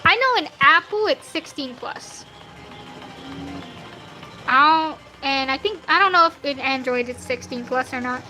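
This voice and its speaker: A woman of nineteen with a high voice that sounds younger than she is chats casually while livestreaming her fan art drawing, rambling in slang and teasing herself. She speaks a little slowly with lively intonation and long pauses, in a pushed, bright tone. Faint music sits behind a rough recording.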